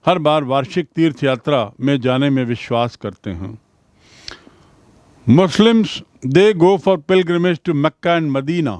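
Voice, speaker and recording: A man teaching English vocabulary, saying example sentences slowly and explaining them in Hindi. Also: a little high, a little mellow, no room sound.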